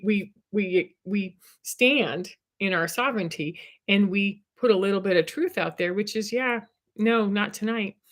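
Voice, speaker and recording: A middle-aged woman talks through personal growth in a loose, conversational way. Her pitch sits right in the usual middle for a woman. She restarts often and slips into quoted voices as she explains. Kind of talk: casual teaching talk.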